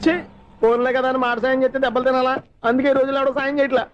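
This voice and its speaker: An eager story pitcher. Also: male voice, little pitch movement, rapid-fire. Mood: grumbling. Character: eager young man pitching a film story. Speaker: aspiring film story narrator. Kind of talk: film comedy scene.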